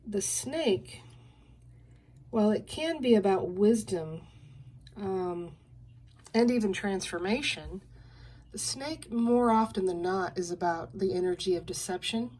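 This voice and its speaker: A woman giving a general card reading, explaining each card in a slow, gentle, explanatory way. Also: medium pitch, lively intonation. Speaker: card reader. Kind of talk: relaxed card-reading video.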